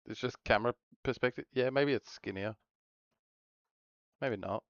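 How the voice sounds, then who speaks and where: Male game streamer, smooth voice, rambling self-talk, close and dry. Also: medium pitch, normal speed, dry recording, highs cut off. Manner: rambling, talks to himself while playing. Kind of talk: casual live-stream chat.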